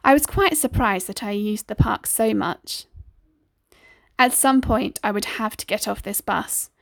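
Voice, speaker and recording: Gravelly woman reading a story. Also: medium pitch, unhurried, no echo, studio quality. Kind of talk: scripted audiobook narration.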